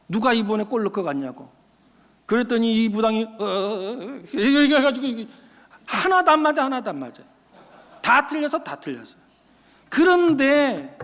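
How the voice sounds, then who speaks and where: A male pastor tells stories from the pulpit in an emphatic, folksy way, often dropping into casual speech. His voice sits high for a man. A long church-hall reverb follows every phrase. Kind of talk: sermon with storytelling. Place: church sanctuary.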